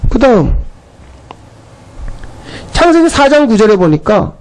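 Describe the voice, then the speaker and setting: High-voiced Korean pastor preaching a sermon. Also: male voice, big pitch swings, slow, darkish tone. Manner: storytelling preacher who acts out biblical dialogue in shifting voices.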